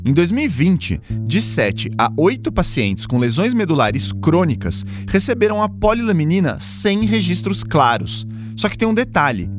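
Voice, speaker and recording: A Brazilian man hosts a podcast with scripted narration in a fairly high, very lively and varied voice. Plucked guitar music plays clearly behind him. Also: moderate pace. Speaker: podcast host.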